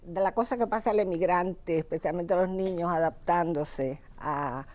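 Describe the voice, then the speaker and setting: A woman in her seventies from Cuba with a Cuban Spanish accent, a guest author telling her family story in an interview, unhurried and full of fillers and restarts. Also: fairly low pitch, a little mellow. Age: 70s.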